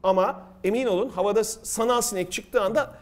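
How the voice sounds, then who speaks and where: A man's voice: high voice, fast talker. A middle-aged or older man hosting a quiz and telling stories in casual, conversational speech. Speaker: quiz show host. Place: studio table, indoors.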